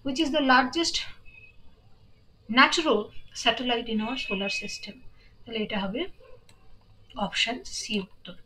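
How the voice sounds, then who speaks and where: A woman with a Bengali accent teaching an exam-prep lesson, reading questions out slowly and then explaining the answers briskly. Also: on the high side, pushed and bright, low-quality recording.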